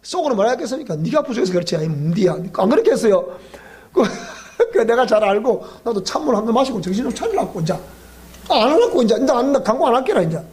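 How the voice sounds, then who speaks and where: Very high-pitched yet darkish in tone, this fast, sing-song Gyeongsang-accented pastor from South Gyeongsang jokes through a weeknight Bible school sermon at church. He frequently laughs and tests the congregation with questions.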